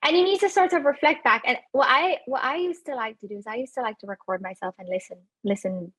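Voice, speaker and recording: A woman in her thirties with an accent gives animated webinar coaching, laughing easily and talking straight to her audience. Her voice sits fairly high and sounds a little husky. The recording is dry and close. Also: fast, no room sound. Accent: non-native English accent. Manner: animated, laughs often, speaks directly to listeners. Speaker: webinar speaker on residency interviews.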